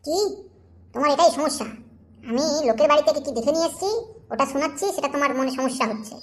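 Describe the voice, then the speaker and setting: A woman voicing a nagging, quick-tempered young housewife in a cartoon, scolding her husband. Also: sits high, natural voice. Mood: complaining. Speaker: wife character. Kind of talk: cartoon voice acting.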